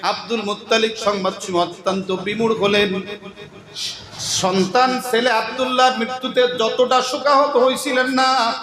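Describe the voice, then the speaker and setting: Impassioned high-voiced preacher. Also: male voice, reverberant. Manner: emotional storytelling, rising to impassioned shouts. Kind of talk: Bengali waz sermon.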